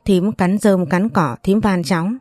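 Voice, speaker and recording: A woman's voice: lowish voice, unhurried, a little mellow, no echo, natural voice. Woman reading a distraught aunt, lamenting and begging, faint music behind. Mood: pleading. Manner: pleading, lamenting. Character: distraught aunt, wailing and pleading.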